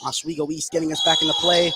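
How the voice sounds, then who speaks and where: Over the roar of a noisy indoor gym, an American radio announcer keeps up a fast, descriptive play-by-play of a basketball game. His voice is fairly high and his tone stays level throughout.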